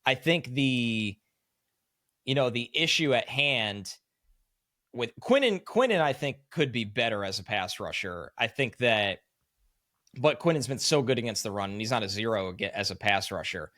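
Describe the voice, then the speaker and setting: Male podcast co-host, mid-pitched, analytical, dry close recording. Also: expressive, normal speed, fairly bright tone, no room sound. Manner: analytical, talks in long run-on explanations. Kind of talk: casual sports analysis chat.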